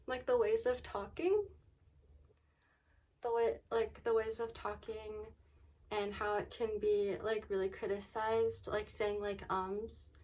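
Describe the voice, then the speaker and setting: A woman chatting casually in a vlog, often saying "like" and "um" and pausing to think aloud. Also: medium pitch, steady tone, a little mellow. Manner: says "like" and "um" very often as filler; halting, thinking aloud, trailing off mid-sentence. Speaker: vlogger.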